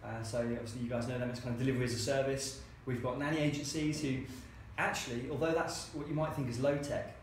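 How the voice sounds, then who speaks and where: Fast and with hardly any pauses, a medium-pitched man with fairly even intonation recounts stories as a co-working space founder. His interview manner is chatty, and he acts out others' dialogue. The recording suffers from heavy echo and faint hiss.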